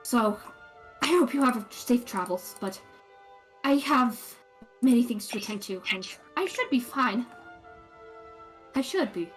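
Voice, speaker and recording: Lady playing a polite busy townsman, halting, trips on his words, faint music behind. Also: fairly high pitch, expressive, rough recording. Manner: halting, repeats words, hesitant. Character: polite busy man sending adventurers off.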